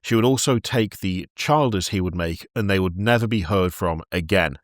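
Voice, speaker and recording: A man with a fairly low voice retells lore on a podcast in a loose, chatty way, often breaking into giggles mid-sentence and restarting his phrases. The sound is close and dry. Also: moderate pace, dry recording. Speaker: podcast host narrating lore. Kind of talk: casual lore narration with chat.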